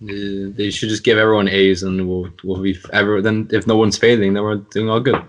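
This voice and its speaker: Hosting a laid-back podcast chat, this young university student jokes around and teases his friends. He talks a little fast in a lowish voice with little pitch movement.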